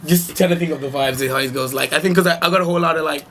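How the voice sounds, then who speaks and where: A man's voice: on the high side, rapid-fire. Laid-back young Zimbabwean man rapper. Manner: laid-back, rambling, heavy with "like" and slang. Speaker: local hip-hop artist, guest. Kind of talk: casual interview chat. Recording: faint background noise.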